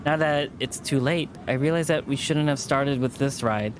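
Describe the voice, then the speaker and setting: A man's voice: mid-range voice, moderate pace, noisy background. A man reading a visual novel aloud with chatty asides, sometimes stumbling and rereading a line. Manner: stumbles over words and rereads lines.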